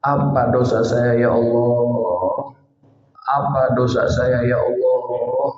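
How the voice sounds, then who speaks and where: A grieving father, as a preacher acts him out, prays in anguish in a roomy, slightly dull hall, drawing out his words slowly. The voice stays at an ordinary man's pitch and pleads for answers. It sounds like a sermon story told aloud. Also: fairly even intonation, lightly acted. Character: heartbroken middle-aged father praying in tears.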